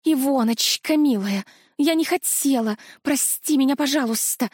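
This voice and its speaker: A woman's voice: on the high side, animated, measured pace, dry recording. A woman voicing a fussy, motherly ghostly dragoness guardian who scolds and dotes, in a dry, close storybook reading. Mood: remorseful. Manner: strict then doting, scolding.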